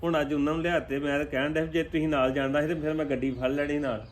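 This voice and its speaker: A man's voice: fairly high pitch, little pitch movement, very fast, natural voice. A man playing a grown son in a family drama, coaxing and placating his upset mother. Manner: coaxing, placating, repeats "hain?". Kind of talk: scripted village family drama.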